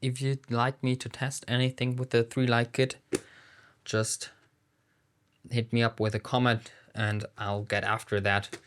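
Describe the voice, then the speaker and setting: German guy doing an unboxing vid, talks slow, stops and starts a lot, mid pitch. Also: level tone, a bit bright, a little hiss or hum. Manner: halting, thinking aloud as he handles gear. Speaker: product reviewer. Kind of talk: casual unboxing commentary.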